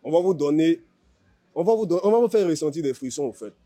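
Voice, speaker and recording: Here the Ivorian MMA fighter sounds a little high and dark-toned, talking fast and expressively with no room sound. He stays confident and boastful throughout the informal interview.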